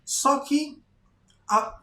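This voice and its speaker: A man's voice: very slow, pushed and bright. A man with a Brazilian Portuguese accent, hosting and commenting casually on a recorded live class in a wry, conversational way. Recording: echoey room with faint ambience.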